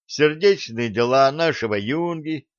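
A man reading an audiobook, voicing a calm, authoritative ship captain in a measured way. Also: mid-range voice, no room sound, dull audio, natural voice. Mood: firm.

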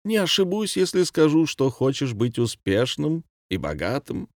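A man's voice: mid-range voice, very animated, moderate pace, darkish tone, dry recording, clean studio sound, voice pushed up. A man voicing a boastful, pompous middle-aged male former theatre director who talks in grand, theatrical phrases, as a commandant in an audiobook. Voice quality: grandiloquent, theatrical, rhyming speech.

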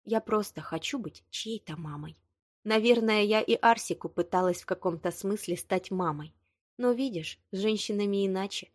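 A woman reading the lines of a prickly young woman, hurt but proud, defensive and quick to flare up. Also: medium pitch, dry recording, studio quality, lightly acted. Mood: tearful. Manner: tearful, defensive, flaring. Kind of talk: audiobook dialogue reading.

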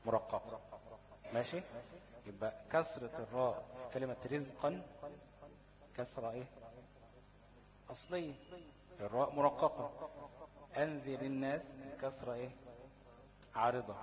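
A man's voice: medium pitch, normal speed, long pauses, rough recording. A man with an Egyptian accent teaching a recitation class, constantly quizzing students with "what?" and "okay?" checks. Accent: Egyptian Arabic. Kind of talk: classroom lesson. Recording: class chatter behind the voice.

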